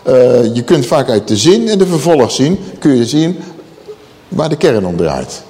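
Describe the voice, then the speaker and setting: Delivering a Bible-teaching sermon in a large hall with long reverb, a man asks rhetorical questions and stretches out key words to emphasize them. He has a mellow, mid-range voice with big pitch swings and speaks unhurriedly.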